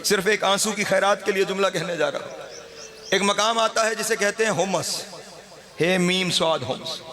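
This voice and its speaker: A man's voice: high voice, normal speed, a crowd in the background. A man with a Pakistani Urdu accent reciting a mourning sermon, lamenting and rising to wailing cries. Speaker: Shia cleric reciting a majlis.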